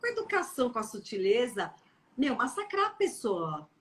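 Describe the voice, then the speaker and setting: A young woman from Brazil chatting on a live stream in a blunt, animated way. Her voice sits fairly high, and she likes to slip into playful impressions of how people talk. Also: moderate pace. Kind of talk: casual chat.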